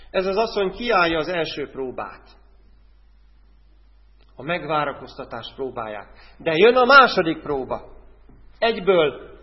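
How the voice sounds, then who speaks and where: A fairly high-voiced man preaches a sermon in a big hall with a long echo. He turns often to his listeners with direct questions, now loud and urgent, now hushed. The sound is a bit dull.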